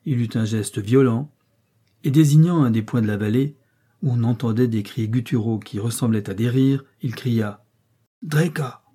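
A man reads an adventure novel aloud in a measured, expressive way. His voice is very dark and noticeably husky. His pitch sits at a middling level for a man. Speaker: audiobook narrator. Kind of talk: scripted narration of an adventure novel.

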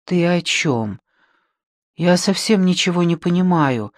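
A troubled young man speaks hesitantly and remorsefully, as a male reader gives him a voice. The delivery is slow and subdued, recorded dry and close. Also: high-pitched, lively intonation, no room sound.

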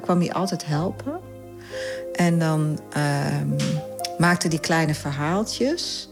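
A woman shares a childhood memory in a slow, thoughtful way. Her voice is deep for a woman and unhurried. Music plays clearly under her words. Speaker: interviewee, daughter remembering her father. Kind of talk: reminiscing. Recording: music playing behind.

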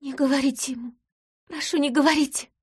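A woman voicing a frightened young embroiderer who stammers and speaks haltingly, read as audiobook dialogue. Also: fairly high pitch, expressive, warm tone, husky. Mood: pleading.

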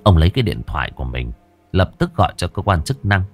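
A man narrating a horror story in a measured, expressive way. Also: sits low, faint music behind.

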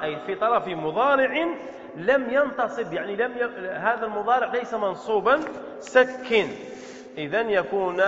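A man's voice: high-pitched, a bit bright. A man teaching a grammar lesson to students in a lecture hall. He stretches out words, repeats them, and asks questions that he answers himself. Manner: explains slowly, repeating words and drawing out vowels. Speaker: Islamic scholar teaching Arabic grammar. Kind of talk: classroom lecture on grammar verse. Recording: dull echoey lecture-hall recording.

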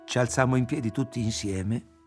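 A man narrating a literary audiobook in a measured, even storytelling manner. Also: mid-range voice, faint music behind.

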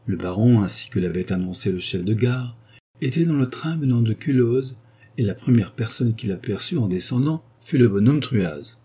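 A man narrating an audiobook novel in a measured storytelling manner. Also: medium pitch, lively intonation, mellow, slightly rough.

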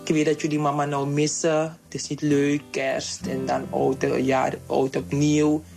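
A man recording a slow, comforting personal message to his family, played from an old cassette tape. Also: fairly high pitch, monotone, gravelly, music in the background. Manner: slow, comforting, fatherly reassurance.

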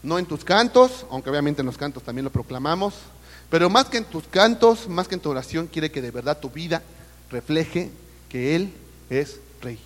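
A Mexican man gives a sermon at a church service in a slightly high voice with lively intonation, speaking at a normal speed with a Mexican Spanish accent. The recording has a big-room sound, and he calls his listeners brother while questioning the congregation.

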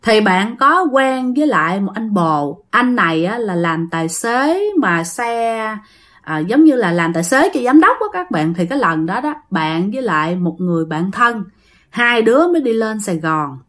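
A woman's voice: medium pitch, sing-song, normal speed, fairly bright tone. A woman with a Southern Vietnamese accent telling ghost stories for her channel in a chatty, dramatic way, speaking straight to her listeners. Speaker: storyteller of a ghost-story channel. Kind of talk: casual ghost-story narration.

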